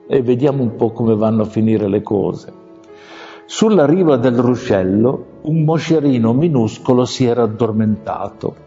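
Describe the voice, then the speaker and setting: A man narrating a fable for listeners, gently speaking to them directly. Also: medium pitch. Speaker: storyteller. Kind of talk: storybook narration. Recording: long reverb, muffled, faint music.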